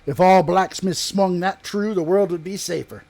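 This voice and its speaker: A man's voice: sits high, moderate pace, vocal fry, darkish tone, voice pushed up. Man acting folksy male blacksmith, rustic dialect, proud, gossipy fireside storytelling, tabletop fantasy game. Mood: gossipy, relishing. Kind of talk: in-character tabletop role-play storytelling.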